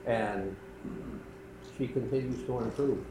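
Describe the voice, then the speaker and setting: An older man preaching a sermon as pastor of a small church, earnest and conversational with pauses. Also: medium pitch, dark tone. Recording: echoey room with faint background noise.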